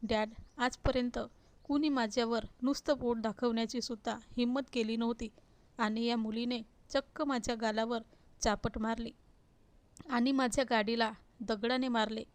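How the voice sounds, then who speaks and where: A woman's voice: fairly high pitch, steady tone, moderate pace, dry recording, close to an everyday voice. Woman reading as a cruel, domineering young husband. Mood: scornful. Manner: scornful, commanding.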